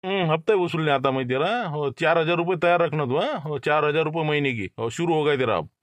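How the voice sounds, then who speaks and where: A man's voice: fairly high pitch, fast, dry recording, lightly acted. A man playing a menacing, swaggering local extortion racketeer in a comic sketch. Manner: menacing, swaggering street talk.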